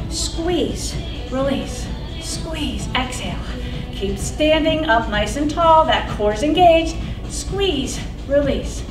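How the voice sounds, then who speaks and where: A middle-aged woman cueing an exercise class as an aerobics instructor, upbeat and encouraging, counting out repetitions. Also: sits high. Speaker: fitness instructor. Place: indoor exercise studio with wooden floor. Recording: roomy, distant mic, loud background music. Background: workout music.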